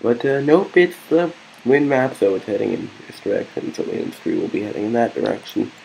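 A man with a low, gravelly voice talks through a video game in a loose, unscripted way. He rambles and hesitates often, filling the gaps with ums and uhs. It sounds like a casual gameplay commentary. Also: sing-song, a little fast, a little mellow, slight background noise. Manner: rambling and hesitant, many fillers. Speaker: let's play gamer.

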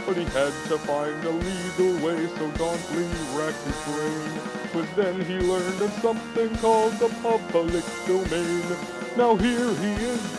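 A singer delivers a comic narrative ballad in rhyme. The pace is slow and measured. Loud guitar music plays throughout. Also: medium pitch, rough recording.

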